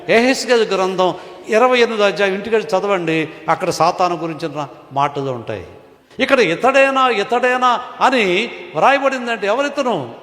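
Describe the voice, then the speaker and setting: Male pastor, high voice, sermon in a reverberant hall. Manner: rhetorical questions, swings between loud and hushed. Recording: echoey hall.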